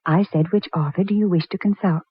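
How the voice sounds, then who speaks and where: Give me a cool, precise small-town librarian, slightly husky, on a thin old radio recording. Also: female voice, on the low side, fairly even intonation, fairly quick, no echo, lo-fi sound. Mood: prim. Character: prim, stern small-town woman librarian. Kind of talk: 1940s radio acting.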